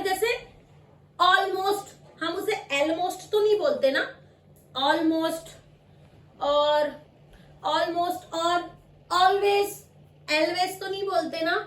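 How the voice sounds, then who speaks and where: A woman with a high voice teaches pronunciation, going over each example word slowly and patiently. She sounds a little far from the mic, in an echoey room. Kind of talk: spoken lesson.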